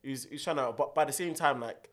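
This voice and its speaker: Young london roadman guy chatting with his bro, mid-pitched, slangy, says stuff twice for emphasis. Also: brisk, a bit bright. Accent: London roadman, urban multicultural London slang. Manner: slangy, emphatic, repeats phrases. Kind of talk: casual banter between friends.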